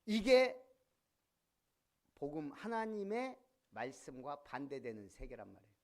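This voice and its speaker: A man's voice: on the high side, a little slow. A male pastor preaching a sermon, often putting questions to the congregation. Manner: animated, asks the congregation questions. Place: church sanctuary.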